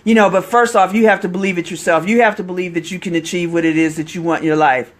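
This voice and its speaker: Casting: a high-voiced man, a motivational marketing coach on a live stream, fervent and preachy. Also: quick pace. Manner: excitable, preachy, greets viewers mid-talk.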